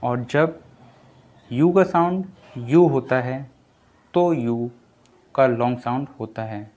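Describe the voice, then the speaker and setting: Slow, patient man teaching. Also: medium pitch, a little mellow. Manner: patient, repeats each rule several times. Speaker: English pronunciation teacher. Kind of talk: slow explanatory lesson.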